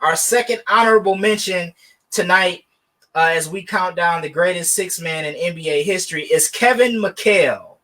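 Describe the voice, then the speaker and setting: A man co-hosting a podcast, animated and joking, with sarcastic asides in casual sports debate. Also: sits high, moderate pace. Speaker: podcast co-host.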